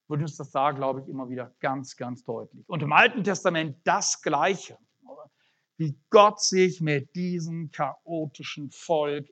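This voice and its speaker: A preacher giving a sermon, searching for words and often restarting phrases, with lively swings in pitch and loudness. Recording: dull lo-fi recording.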